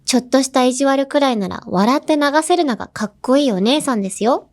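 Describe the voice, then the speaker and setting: A woman reading the lines of a polite, composed young woman gently lecturing a little girl, formal and gentle. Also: high voice, lively intonation, fast talker.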